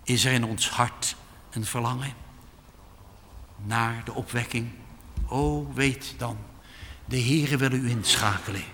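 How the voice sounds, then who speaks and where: A man preaching a sermon with emphatic delivery, rising to loud exclamations. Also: mid-range voice, fairly even intonation, slow, long pauses, a little hiss or hum. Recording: long hall reverb.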